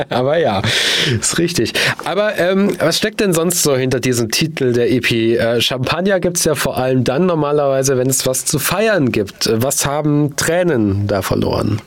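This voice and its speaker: A man hosts a radio show and interviews a musician, upbeat and quick to laugh. His voice has a middle pitch. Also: expressive.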